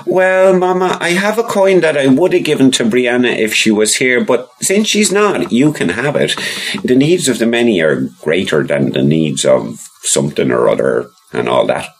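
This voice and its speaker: A man's voice: mid-range voice, animated, normal speed, breathy edge, pitched above the performer's own voice, poor audio. A man voicing a young boy who is earnest and sweetly scheming, with a pleading, wheedling way of asking.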